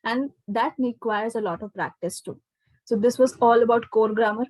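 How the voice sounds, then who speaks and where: Her voice is on the high side and a little mellow, at normal speed, though the dry recording has poor audio. She is a woman with an Indian accent, a teacher explaining things to a parent and giving feedback on an indoor online class video call, often saying "okay" and "right?".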